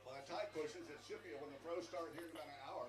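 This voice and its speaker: A man's voice: a little high, quick pace, a crowd in the background. A man co-commentating a live surf event, tossing in casual questions and asides.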